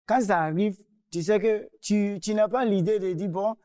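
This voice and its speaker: A man's voice: high-pitched, normal speed, dark tone, smooth, dry recording, studio quality. Hesitant apologetic man. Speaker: carpenter in a dispute. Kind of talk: defending himself on a mediation show.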